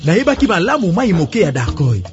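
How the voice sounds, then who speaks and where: A man's voice: sits high, big pitch swings, normal speed. An actor playing a determined young gardener who narrates his own adventure in a radio drama. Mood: determined narration. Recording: dull lo-fi radio broadcast. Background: loud music.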